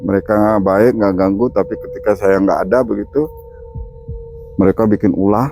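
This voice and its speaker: A man's voice: fairly low pitch, steady tone, moderate pace, vocal fry, a little mellow, faint music behind. A man, a spiritual healer, explaining on an outdoor ghost-hunting walk and commanding spirits sternly. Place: outdoors in a garden.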